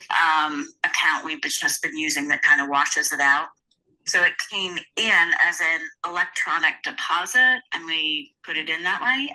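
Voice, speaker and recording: A woman heard over a speakerphone, explaining figures in a quick, plain-spoken, matter-of-fact way. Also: sits low, bright, forceful tone, low-quality recording. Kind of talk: casual explanation on a call.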